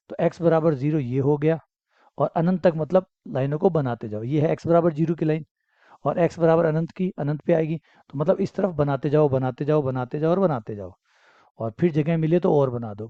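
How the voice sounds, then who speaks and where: A man's voice: fairly high pitch, no room sound. Encouraging male math teacher, dull dry sound. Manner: repetitive, encouraging, asks and answers own questions. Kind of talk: explanatory lecture.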